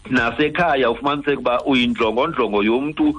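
A man's voice: medium pitch, fairly quick, a bit bright, breathy edge. A man with a Xhosa accent explaining as a guest doctor on radio, hesitant and code-switching. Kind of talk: explaining on a radio health programme.

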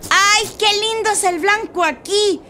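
A woman voicing a shy, anxious little boy in a storybook, talking high and slow with hesitant stammers. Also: lively intonation, background noise. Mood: joyful. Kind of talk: storybook character voice. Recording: soft music playing behind.

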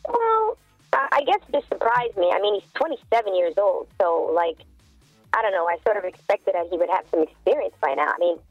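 A woman's voice: mid-range voice, sing-song, a little fast, no echo. Woman caller through a voice changer. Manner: hesitant, full of "I mean" and "you know". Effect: voice changer disguising the voice. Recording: tinny phone line, dry, faint music.

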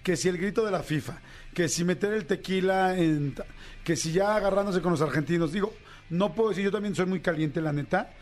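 A middle-aged Mexican man with a Mexican accent, hosting a casual radio chat as a quick, animated storyteller. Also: high voice. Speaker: host.

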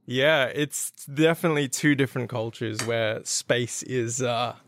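A man's voice: medium pitch, unhurried, a bit bright, a little hiss or hum. A man from Australia, a guest talking casually and a little hesitantly about his suit business and upbringing. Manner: hesitant, with fillers and restarts. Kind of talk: casual interview chat.

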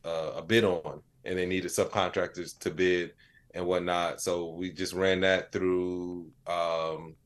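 In a casual podcast interview, the guest, an American AI educator and comedian, takes his time in a low voice. He tells stories with energy, performs the dialogue within them, and peppers his speech with "like" and "you know."

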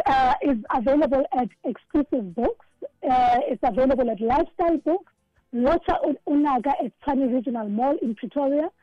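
High South African woman, earnest radio guest, dry muffled line, repeats words. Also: no echo. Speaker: author and guest. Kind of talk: radio interview.

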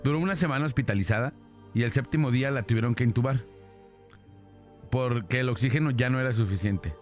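A man's voice: mid-range voice, fast, faint music behind. A male radio host reading out listener messages about paranormal experiences and chatting with his co-host. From Mexico. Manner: reads listener messages aloud. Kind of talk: casual radio banter.

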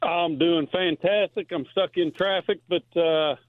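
A man with a slightly high voice as a caller on a radio contest. He chats casually in short replies, with a dry sound. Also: steady tone, unhurried, no room sound, narrow, tinny audio. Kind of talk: casual radio call-in chat. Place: calling by phone from traffic.

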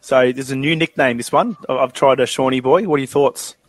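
A man hosts a relaxed sports podcast, chatty and easygoing, laughing often and filling pauses with ums. His pitch sits in an ordinary middle range. The sound is dry and close. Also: dry recording. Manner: laid-back, laughs often, many fillers. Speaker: podcast host. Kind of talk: casual sports podcast chat.

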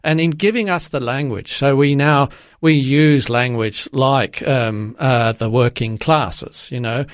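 As an interview guest, an older man from Zimbabwe responds hesitantly, full of false starts and filler words. The clean studio recording has no room sound, and his pitch is mid-range.

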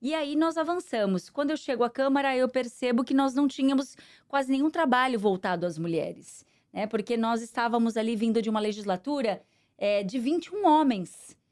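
A middle-aged woman speaking with a Brazilian Portuguese accent, her voice sitting a little high. She answers interview questions earnestly and at a measured pace, with plenty of fillers. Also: a little mellow. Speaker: interview guest, politician. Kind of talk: conversational interview.

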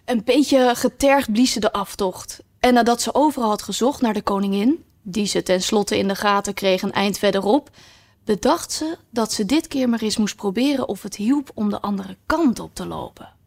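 A woman narrating a children's story aloud in a calm, even reading manner. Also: medium pitch, normal speed, vocal fry. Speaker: audiobook narrator.

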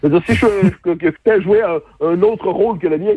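A man's voice: high-pitched, fairly quick, mellow, breathy edge, no room sound. A man with a Québécois French accent, interviewed as a guest commentator, arguing emphatically with frequent stammered restarts, heard over a muffled phone line. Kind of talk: argumentative interview talk. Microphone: telephone.

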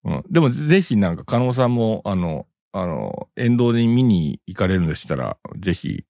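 A man's voice: lowish voice, big pitch swings, normal speed, gravelly, dark tone, no echo. A man hosting a casual radio talk show in a studio, rambling along with chuckles and many filler sounds.

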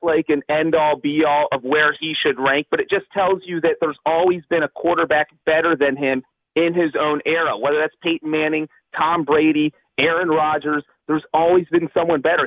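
A man from Cincinnati calling in over the phone as a guest analyst on a sports radio show, talking fast and sure of himself with plenty of fillers. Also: fairly high pitch, dry recording. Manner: quick, confident, thinks aloud with fillers. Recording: tinny phone line.

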